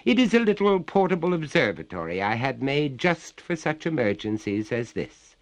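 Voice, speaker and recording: Man acting a courteous, animated young gentleman. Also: mid-range voice, normal speed, voice pushed up. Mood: courteous, genial. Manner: formal, courteous, firm. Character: courteous, coolly determined young gentleman, master of a manor.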